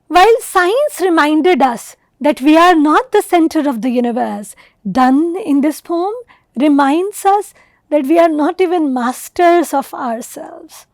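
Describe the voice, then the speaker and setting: A middle-aged woman with an Indian English accent giving a university lecture on poetry, slow and emphatic, reading lines of verse with dramatic stress. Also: very high-pitched, a little mellow, no echo, studio quality.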